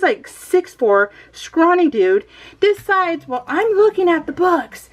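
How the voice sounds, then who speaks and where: A middle-aged American woman with a voice that sits high chats casually as a vlogger. She tells personal stories in a rambling, emphatic way, with exasperated asides.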